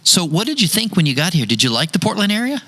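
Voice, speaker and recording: Bright-voiced chatty male podcast host. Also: sits high, very animated, fast. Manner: chatty, jokey, with many fillers. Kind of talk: casual interview chat.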